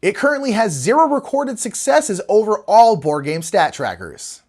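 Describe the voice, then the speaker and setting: Lively woman as parody news anchor. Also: mid-range voice, normal speed, husky. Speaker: co-host of a satirical board game news show. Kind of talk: scripted comedic news.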